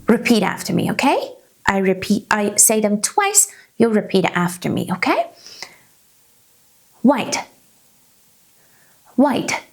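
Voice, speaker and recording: Slow, lively teacher woman with fry. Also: mid-range voice. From Canada. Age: 30s. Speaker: English teacher. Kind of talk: slow beginner English lesson. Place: small room indoors.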